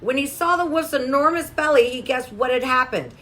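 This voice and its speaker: A woman reading a children's storybook aloud in a clear, lively way. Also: high voice, fairly quick. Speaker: storybook reader.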